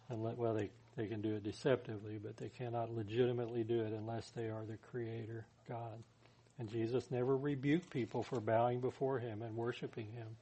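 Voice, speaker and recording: A man's voice: medium pitch, dark tone. Conversational man preaching a sermon. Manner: conversational, paraphrases scripture in plain everyday words. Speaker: pastor.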